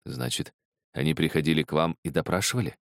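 A man's voice: very deep voice, fast talker, gravelly, no room sound, studio quality. A man voicing a tense, impatient male agent who speaks in terse, strained bursts.

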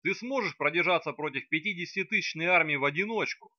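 A curt, insistent young necromancer from an audiobook, voiced by the male narrator. His voice is bright and dry, pushed louder than the narration, and the recording is slightly dull. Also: mid-range voice, expressive, normal speed, no room sound. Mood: heated.

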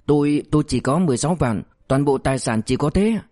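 A man's voice: fairly high pitch, lively intonation, quick pace, dark tone, no echo, clean studio sound, natural voice. A man voicing a frightened male drug dealer who pleads and stammers for mercy. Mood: groveling. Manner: whiny, begging, stammering.

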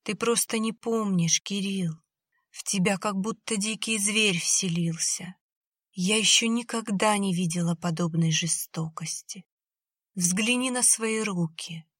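A woman's voice: mid-range voice, measured pace, dry recording. A woman voicing a dying young woman who speaks weakly and bitterly in a half whisper. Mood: pitying. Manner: weak, breathy, half-whispered.

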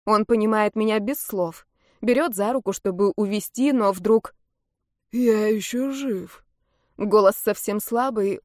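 A woman's voice: mid-range voice, darkish tone, no room sound, clean studio sound. A woman narrating a first-person fantasy audiobook in an intimate, emotional manner.

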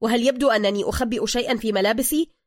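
A woman's voice: medium pitch, steady tone, very fast, dry recording, studio quality, close to an everyday voice. A woman voicing an irritated American tourist man who speaks in stiff formal phrases.

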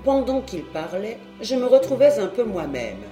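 Audiobook narrator over soft music. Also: medium pitch, sing-song, normal speed.

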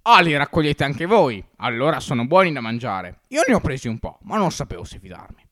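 Someone doing a chatty trusting passerby, lively up-and-down voice. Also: medium pitch, brisk. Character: naive passerby picking mushrooms.

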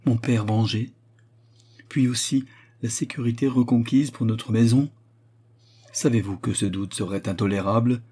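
A man voicing a frightened, agitated young noblewoman in a read-aloud story, with a husky, mellow voice. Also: on the low side.

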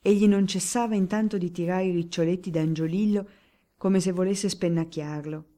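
Warm, low-voiced woman narrating an audiobook. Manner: measured, expressive reading.

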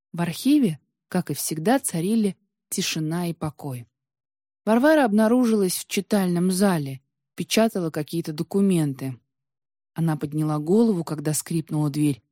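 A woman narrating a fantasy audiobook in a measured, unhurried way. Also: on the low side, mellow, dry recording, clean studio sound. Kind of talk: scripted narration.

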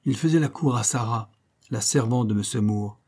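Casting : contremaître posé et malicieux, joué par un homme, voix feutrée. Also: male voice, mid-range voice, normal speed, natural voice. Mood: sly. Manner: calm, sly. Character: calm sly male mill foreman.

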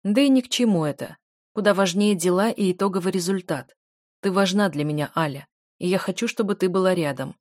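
Woman reading a calm, possessive man. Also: lowish voice, brisk, no room sound, studio quality, natural voice. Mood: firm. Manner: level, unruffled delivery. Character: calm possessive adult man, firm lover.

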